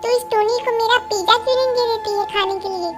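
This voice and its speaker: A woman's voice: very high voice, steady tone, fast talker, music in the background. A woman voicing a spoiled, whiny little girl bird who demands food.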